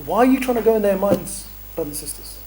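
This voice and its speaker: A middle-aged man leading a training workshop, animated and bantering, acting out street encounters as he talks. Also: sits high, quick pace, slight background noise, poor audio. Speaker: dawah trainer. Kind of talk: energetic workshop talk.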